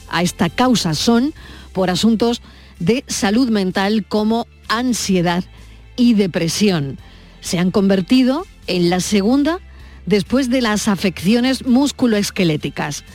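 Woman, radio host, measured news reading, soft music underneath. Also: medium pitch.

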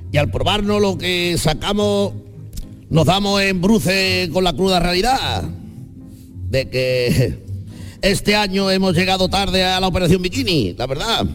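Male comic, rambling storyteller, chuckles through his jokes; a bit high-pitched, long reverb around him. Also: lively intonation, measured pace, fairly bright tone, faint music behind. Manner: jokey, rambling, laughs at his own jokes. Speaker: comedian guest. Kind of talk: comic storytelling on a radio show.

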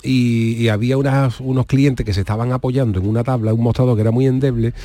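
Fast-talking radio host, dry studio. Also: male voice, medium pitch, steady tone, warm tone, no room sound. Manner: rambling, anecdotal, quick talker. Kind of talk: casual sports chat.

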